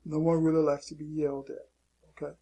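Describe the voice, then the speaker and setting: A man's voice: fairly high pitch, level tone, a little fast, warm tone, slightly rough. A man teaching an online marketing lesson in a loose, casual way, often saying "okay" and repeating his warnings. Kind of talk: casual screen-share tutorial.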